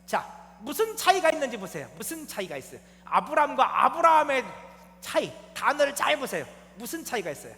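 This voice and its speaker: Male pastor, sermon delivery. Bright, lively voice that quizzes the congregation. Long church reverb. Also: very high voice, quick pace. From South Korea. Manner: lively, teacherly, asks the congregation questions. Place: church sanctuary.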